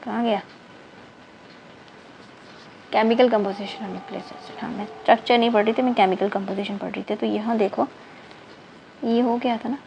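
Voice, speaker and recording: A woman runs an online chemistry class in a steady, medium-pitched voice that is gravelly and a little mellow, at a moderate pace and with lo-fi sound. She counts aloud, spells words letter by letter, repeats terms, and mixes in English terms. She checks in with her students using "thik hai na" over faint background noise.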